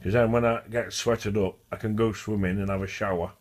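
A vlogger with a stutter rambles to camera in a casual, repetitive monologue, restarting and repeating phrases. His voice is lowish with fairly even intonation, and he talks fairly quickly.

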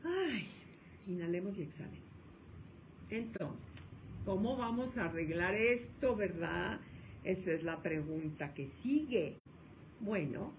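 A woman psychologist with a Mexican accent giving a lecture, animated and acting out the scolding voices of parents. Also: mid-range voice, slight background noise, rough recording.

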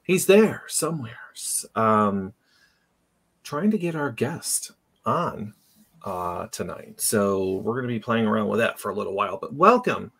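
A man's voice: fairly low pitch, expressive, measured pace, creaky, fairly bright tone, slightly rough. A man hosting a live online show, chatting casually and greeting viewers by name. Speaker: podcast host. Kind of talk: casual live-stream chat.

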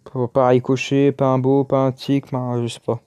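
A man's voice: mid-range voice, little pitch movement, moderate pace, warm tone, smooth. A man giving casual, chatty commentary over his own gameplay, exclaiming and muttering to himself as he plays. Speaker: gaming YouTuber.

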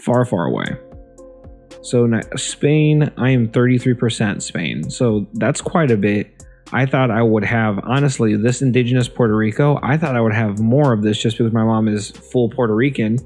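A young man vlogging casually from a small room at home, talking into a desk microphone in front of a green screen, chatty and relaxed, often repeating himself and saying um. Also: medium pitch, moderate pace, breathy edge, soft background music. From Ohio, USA. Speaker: YouTube vlogger. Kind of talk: casual vlog talk. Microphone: desk microphone near the face.

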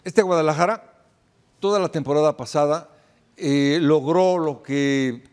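A man's voice: a little high, a little slow, a little mellow, clean tone. Emphatic older Mexican man pundit. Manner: emphatic, laughs while pleading. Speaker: soccer pundit. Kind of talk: heated studio debate. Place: TV studio.

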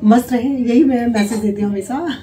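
A woman doctor speaks in a warm, mellow voice, explaining health matters patiently and pausing often on fillers. She sounds a little far from the mic, with faint noise behind her. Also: on the high side. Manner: explanatory, patient, with many hesitations. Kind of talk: interview answers.

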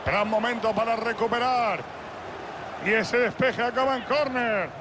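A man with a Castilian Spanish accent giving play-by-play football commentary for a video game, with excited goal calls. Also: very high-pitched. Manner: excited goal calls with drawn-out repeated shouts. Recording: loud stadium crowd noise. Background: roaring stadium ambience.

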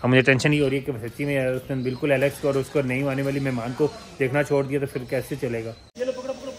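A man's voice: mid-range voice, expressive, quick pace, a little hiss or hum. A man vlogging about his pet birds and animals, chatting casually to viewers and coaxing the animals, repeating "yaar" constantly.

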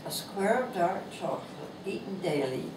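Reading from her own book, a woman in her nineties from Canada delivers a humorous essay at a slow, gentle, amused pace in a bookstore. Her thin, lowish voice lacks strength but has lively intonation. She wears a lapel mic and is filmed from across the room, and the audio has an echoey, distant shop quality with background noise.

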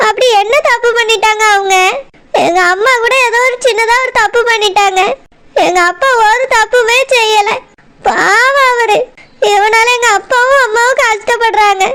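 A woman's voice: extremely high pitch, normal speed, sharp tone. A woman voicing a young wife who sobs and complains bitterly about her husband, in a Tirunelveli Tamil accent. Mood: sobbing. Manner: sobbing, resentful complaints.

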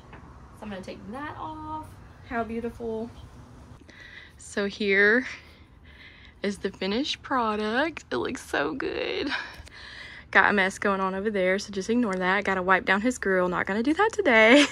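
A woman's voice: medium pitch, a bit bright. A young woman, gushing about her decor in a casual vlog on an outdoor patio, laughing often. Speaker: home decor vlogger.

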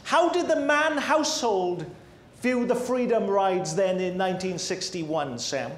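A man moderating a public discussion, introducing guests smoothly. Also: high-pitched, expressive, unhurried, slight background noise. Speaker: host, moderator. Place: library event hall. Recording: echoey hall.

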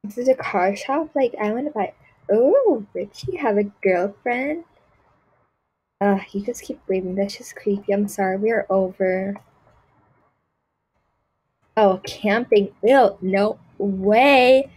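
A woman's voice: mid-range voice, slow, long pauses, a little mellow, breathy edge, poor audio. A woman voicing a snobby, spoiled rich girl in a game role-play skit, talking with haughty disgust and lots of "like" and "ew". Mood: snooty. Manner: haughty, dismissive, full of "like" and "ew". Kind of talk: role-play skit voiced over gameplay.

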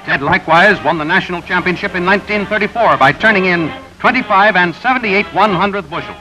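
A high-pitched male narrator reads sports results in a brisk announcer cadence, as on a 1930s newsreel. The sound is dull and lo-fi, with music running clearly underneath. It has the tone of a vintage cinema newsreel. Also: pushed and bright. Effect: old 1930s newsreel soundtrack. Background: music bed.

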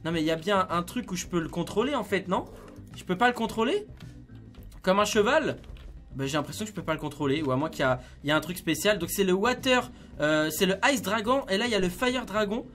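A man giving casual, excitable commentary on a video game, chatting to his viewers like friends. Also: high-pitched, quick pace, faint music behind. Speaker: gaming YouTuber.

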